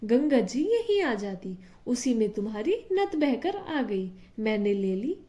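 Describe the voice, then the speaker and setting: A woman's voice: fairly high pitch, sing-song, a little slow, dark tone. A woman voicing a simple, faithful young daughter-in-law in a devotional folk tale, explaining in a plain, earnest way.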